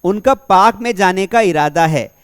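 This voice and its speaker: A young man with a smooth, high voice gives a spoken English lesson in Hindi, bringing energy to the classroom. He questions the class, including rhetorically, and repeats answers. He also dictates example sentences slowly, word by word.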